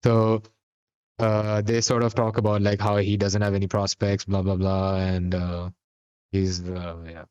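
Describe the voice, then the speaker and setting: A man's voice: lowish voice, flat delivery, measured pace, a little mellow, clean tone, muffled recording. A man co-hosting a podcast, recapping a TV episode in a rambling, casual chat full of fillers and restarts. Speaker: podcast co-host.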